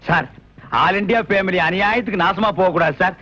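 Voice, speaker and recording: A sarcastic, bossy comic. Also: male voice, high-pitched, pushed and bright. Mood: mock-polite. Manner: sarcastic, scolding, quick comebacks. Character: sharp-tongued bossy middle-aged man, mocking his sidekick. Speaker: comic lead in a film scene. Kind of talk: 1980s Tamil film comedy dialogue. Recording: lo-fi old film soundtrack.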